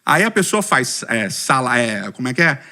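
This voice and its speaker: This middle-aged Brazilian man talks at medium pitch and normal speed, with a Brazilian Portuguese accent. Speaking to a church community, he gives a humorous personal testimony, telling it in a lively way, making fun of himself and asking the audience questions.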